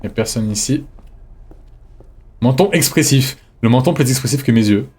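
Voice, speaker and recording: A man streaming a game live, thinking aloud in a relaxed, reflective way as he chats with his viewers. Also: mid-range voice, moderate pace, breathy edge. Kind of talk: live gameplay commentary, chatting with viewers.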